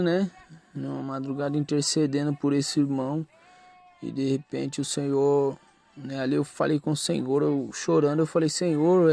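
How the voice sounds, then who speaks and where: A man's voice: fairly high pitch, a little mellow, no echo. A man preaching an earnest testimony sermon, often addressing the congregation and adding little tag questions. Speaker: pastor.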